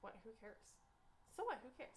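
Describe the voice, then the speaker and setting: A woman's voice: a little high, sing-song, brisk, a little hiss or hum. A young woman from Texas hosting a youth ministry livestream from home, chatting casually and giggling as she tells stories.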